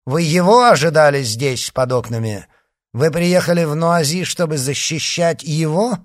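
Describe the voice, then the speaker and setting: A male reader doing an arrogant nobleman used to giving orders, haughty and imperious. The delivery moves up and down with lively emphasis, recorded dry and close. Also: medium pitch, measured pace, no room sound, pitched above the performer's own voice. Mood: commanding. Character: haughty commanding male nobleman leading riders. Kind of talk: audiobook character reading.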